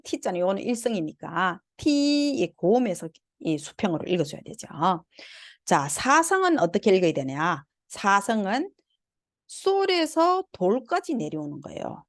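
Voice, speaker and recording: A woman's voice: fairly low pitch, vocal fry, no room sound, clean studio sound. A woman lecturing on Chinese tones, explaining step by step and demonstrating each tone by sounding out syllables. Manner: patient, explains step by step, sings out tone examples. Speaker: Chinese language instructor. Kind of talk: recorded online lecture.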